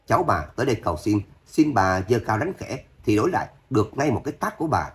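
A man's voice: fairly low pitch, very animated, fast talker. A man voicing a cold, vengeful young son-in-law who speaks harshly in an audio story. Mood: cold scorn.

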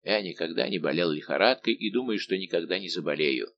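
A man voicing a big, good-natured, simple-minded old musketeer baron, talking slow and booming. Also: expressive, highs cut off, slight background noise. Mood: hearty.

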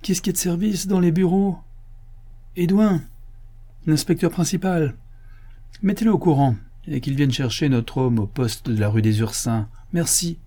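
A man's voice: fairly high pitch, normal speed, dark tone, pitched above the performer's own voice, natural voice. A man voicing a brusque, dogged police inspector in an audiobook, insistent in manner. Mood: brisk. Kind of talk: audiobook character voice.

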